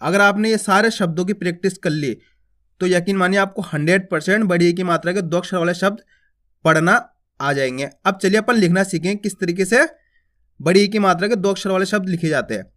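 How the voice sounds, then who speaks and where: A man teaching Hindi, reading words slowly and repeating each one, asking his viewers questions and then answering them himself. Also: high voice, fairly bright tone. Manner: says each word twice, drawing out the first, then explains step by step; addresses viewers as friends, asks and answers his own questions. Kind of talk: slow word-by-word reading lesson.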